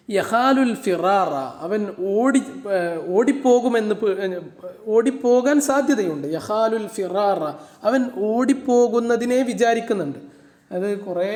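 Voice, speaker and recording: A man teaching Arabic grammar. He reads Arabic lines slowly and then explains them in quick, chatty asides. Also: high voice, a little mellow, echoey room. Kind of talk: classroom-style lesson explaining Arabic verses.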